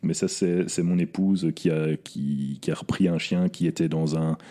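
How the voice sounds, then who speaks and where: A man's voice: extremely low pitch, steady tone, moderate pace, warm tone. A man hosting a podcast interview, chatting casually with frequent fillers and restarts. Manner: hesitant, many fillers and restarts. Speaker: podcast host.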